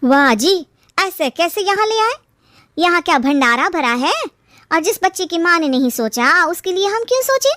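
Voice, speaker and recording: A woman voicing a sharp-tongued sister-in-law in a cartoon story, shrill and scornful. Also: very animated, moderate pace, no room sound, clean studio sound, full character voice.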